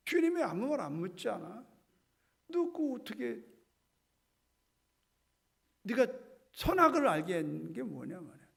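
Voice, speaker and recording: A middle-aged man preaching a sermon as pastor. He acts out Bible dialogue and swings between loud lines and hushed ones. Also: high-pitched, sing-song, a little slow, gravelly, pauses often, slightly rough.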